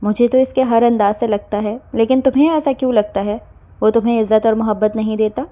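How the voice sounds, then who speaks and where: Woman reading a gentle, patient aunt. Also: a little high, steady tone, natural voice. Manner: soothing, patient, coaxing. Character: gentle caring middle-aged aunt.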